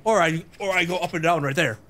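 A man streaming a game live, chatting excitably with viewers and laughing often. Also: on the high side, quick pace.

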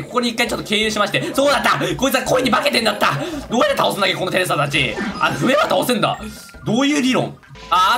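Excitable man narrating a game playthrough. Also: high-pitched. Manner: excitable, talks to himself while playing. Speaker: gaming YouTuber. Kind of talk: casual let's-play commentary.

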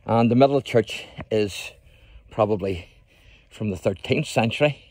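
With a low-leaning, slightly mellow voice and a measured pace, a middle-aged history trail guide enthusiastically talks viewers through a rural graveyard. He films the casual walking tour vlog on his phone outdoors, with no echo.

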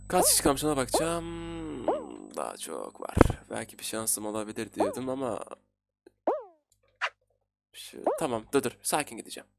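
A man in his twenties giving excitable, casual commentary while playing a game, talking to his viewers. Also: medium pitch, moderate pace, vocal fry, pauses often, a little hiss or hum. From Turkey. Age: 20s. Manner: excitable, talks to viewers while playing, frequent laughs and repeated words. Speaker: gaming YouTuber.

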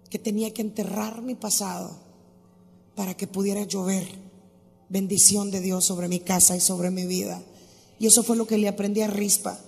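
A woman tells her testimony from a church stage. Her voice has a gravelly edge, and she moves from quiet, intimate lines to loud calls to the congregation. Long reverb from the auditorium trails behind every phrase. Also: mid-range voice. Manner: lively storytelling, swings between soft and loud. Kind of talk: preaching testimony. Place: large church auditorium, live event. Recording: live hall with long reverb.

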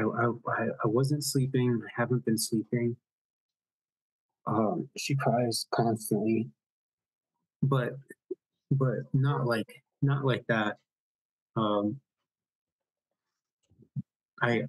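A sleepless young mother who stammers and pleads, as a man voices her in a tabletop horror game. The voice is husky and dry, recorded close to the mic. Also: mid-range voice, dry recording, rough recording.

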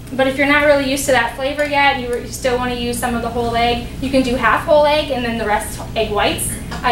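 A young woman in her twenties, a dietetic intern with a slightly high voice, gives a cooking demonstration in a large kitchen, explaining each step warmly with lots of ums and uhs. She's picked up from afar by a distant camera mic, so the sound is roomy with background noise.

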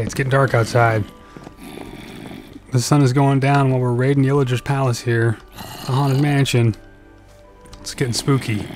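A man narrates his game session out loud in an even, mid-pitched voice, muttering worried asides to himself and jumping up into startled yelps. Game music plays clearly underneath him throughout. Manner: nervous, self-talking, frequent "oh boy", jumps to excited yelps. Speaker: let's play gamer. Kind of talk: gameplay commentary.

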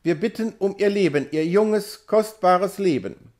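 A man's voice: high-pitched, normal speed, darkish tone, close to an everyday voice. A man reading an audiobook, voicing a fussy, motherly woman who pleads in a raised, imploring voice. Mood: pleading.

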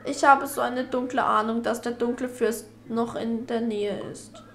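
A woman reading the part of a worried village mother in a game, soft and pleading. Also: on the high side, steady tone, unhurried, slight background noise.

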